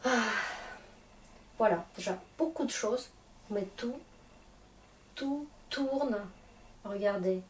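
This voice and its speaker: Slow-spoken woman teaching in an echoey room. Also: a little high, a little mellow. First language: Russian. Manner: patient, checks understanding often. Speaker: Russian teacher. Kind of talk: classroom lesson. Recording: echoey room, distant mic, faint noise.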